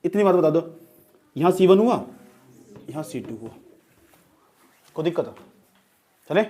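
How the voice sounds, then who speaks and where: High-voiced male teacher lecturing a class, playful, keeps asking if it's clear. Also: expressive, measured pace, dark tone. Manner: joking, repeatedly checks students understand. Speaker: physics teacher.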